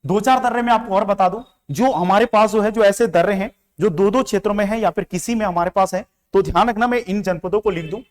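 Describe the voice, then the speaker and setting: A man teaching with a Hindi accent from Uttarakhand in a fairly high voice. He runs a memory trick for exam candidates, firing questions at the class and answering them himself. He repeats each key term and briefly acts out the story's characters. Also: fast, hardly any pauses. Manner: asks and answers his own quiz questions, repeats key terms. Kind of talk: exam-prep mnemonic lesson.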